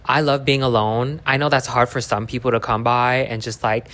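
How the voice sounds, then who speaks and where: A woman's voice: extremely low pitch, little pitch movement, normal speed, fairly bright tone. A young adult woman hosting a casual, chatty podcast at home, rambling and interrupting herself with lots of slang in an echoey room. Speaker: podcast host. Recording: echoey, sparsely furnished room.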